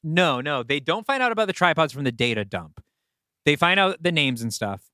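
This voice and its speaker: A man co-hosting a podcast, who is also a writer, casually brainstorms story ideas while tentatively thinking aloud. His voice is fairly high, very animated and sharp yet clean, at a moderate pace, in a studio-quality recording with no room sound.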